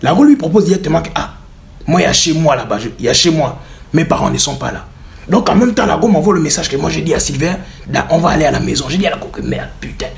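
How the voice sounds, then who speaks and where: A young man telling a funny personal story in a casual vlog, animated and laughing often. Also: on the high side, fast talker, vocal fry.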